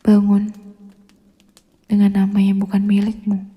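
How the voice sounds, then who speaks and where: A woman's voice: medium pitch, completely flat delivery, a little slow, warm tone. A woman in an ASMR role-play, playing a mysterious, seductive castle woman with a sultry, teasing delivery. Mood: hushed, sultry, ominous. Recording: long reverberant hall echo.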